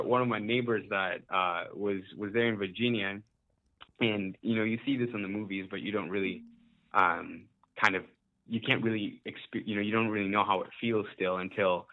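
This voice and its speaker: A man from Uganda, a musician, talks through an interview in a loose, halting way, full of ums and quick laughs. His voice sits a little low, and it comes through a thin, phone-like line that cuts away the lows and highs. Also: bright, forceful tone. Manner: hesitant, many ums, laughs often. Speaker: musician guest. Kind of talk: casual interview.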